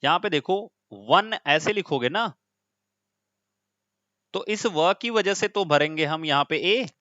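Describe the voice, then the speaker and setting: A man's voice: on the high side, expressive, unhurried, pushed and bright, no echo, highs cut off. A man teaching an online class, explaining step by step and often putting questions to his students.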